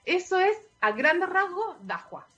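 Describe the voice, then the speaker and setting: A woman's voice: extremely high pitch, big pitch swings, unhurried, fairly bright tone, highs cut off, soft background music. A woman, a marketing manager, giving fluent corporate answers in a radio interview.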